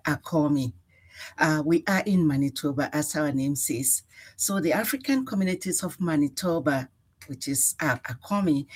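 A woman in her sixties from Ghana, answering radio interview questions in an earnest, measured way with frequent fillers. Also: low voice, slightly rough. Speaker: executive director, guest.

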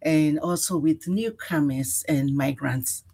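A woman in her sixties from Ghana, answering radio interview questions in an earnest, measured way with frequent fillers. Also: sits low, warm tone, breathy edge. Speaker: executive director, guest.

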